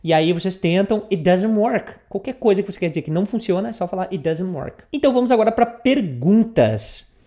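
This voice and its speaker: A woman with a Brazilian accent teaching a beginner English lesson, drilling example phrases slowly and checking in with the learner often. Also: mid-range voice, expressive, mellow. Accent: Brazilian Portuguese.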